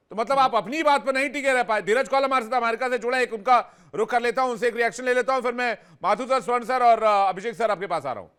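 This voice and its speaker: A man hosting a news debate, brisk and conversational, dropping folksy idioms as he sums up points. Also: very high voice, fairly bright tone, clean tone. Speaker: news anchor.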